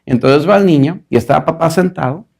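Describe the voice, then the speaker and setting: A man preaching a sermon as a pastor, telling stories in a lively way and slipping into English phrases now and then. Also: on the high side, fairly quick, creaky.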